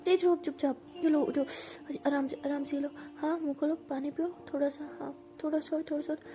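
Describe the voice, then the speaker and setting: A woman's voice: high-pitched, level tone, a little fast, mellow, lightly acted. A woman voicing a caring young woman who scolds and coaxes her partner tenderly, with music behind. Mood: coaxing. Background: background music.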